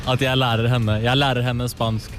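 A Norwegian man with a Cuban Spanish accent giving brief, relaxed answers on the street. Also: mid-range voice, fast, noisy background. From Norway. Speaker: tourist. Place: outdoors on a city street.

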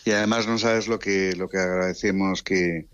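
A man from Madrid, a guest in a radio interview, speaking earnestly with halting restarts. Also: deep voice, steady tone, fairly bright tone, clear, resonant tone, dry recording, lo-fi sound. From Madrid, Spain.

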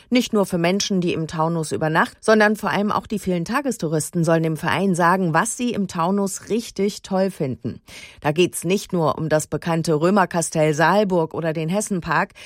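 Woman, low voice, scripted report, regional radio reporter, dry studio. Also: no echo.

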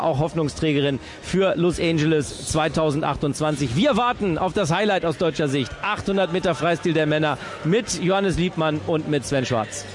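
A man giving radio sports commentary on swimming results, opinionated and informal, with some restarts. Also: a little high.

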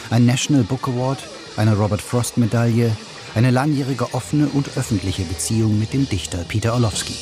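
A man reading a scripted radio portrait in an even, measured way. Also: medium pitch. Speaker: radio reporter. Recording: music bed under voice.

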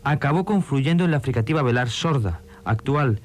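A man's voice: mid-range voice, expressive, normal speed, darkish tone. A man giving a precise, academic philology lecture on an archival radio broadcast.

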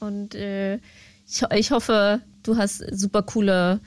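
A woman co-hosting a radio call-in show, talking in a lively, giggly way. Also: mid-range voice, slow pace, no room sound. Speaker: radio co-host. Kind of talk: casual radio chat.

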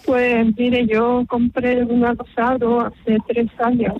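A woman calling in to a radio advice show over the phone, explaining her problem in a halting way and repeating herself. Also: a little high, level tone. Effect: heard over the phone. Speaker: radio caller. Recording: tinny phone line, faint noise.

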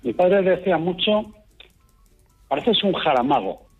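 Husky man calling in on a dull line. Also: sits high, faint music behind. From Extremadura, raised in Madrid. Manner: calm, unhurried storytelling. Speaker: caller. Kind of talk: phone-in chat. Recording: dull phone-line sound.

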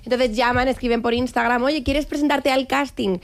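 Young woman, panelist, frank, chatty, slightly high voice. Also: steady tone, normal speed. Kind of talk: casual chat.

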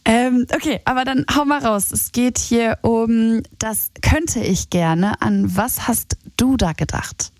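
A woman's voice: fairly high pitch, slow pace, hardly any pauses, a little mellow, no room sound. A woman hosting a radio call-in show in a breezy, slangy, encouraging way. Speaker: radio host. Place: radio studio.

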